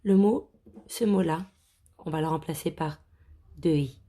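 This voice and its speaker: A woman teacher takes young children through a reading lesson, sounding out each word slowly. Her voice is low, dark and a little husky, and her delivery is lively and coaxing. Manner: slow, clearly sounded-out words. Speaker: primary school teacher.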